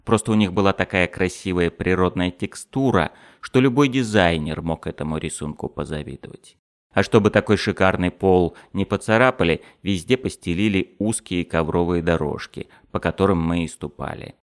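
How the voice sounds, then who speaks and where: A man reading a first-person audiobook in a steady, measured storytelling manner. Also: low voice. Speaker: audiobook narrator.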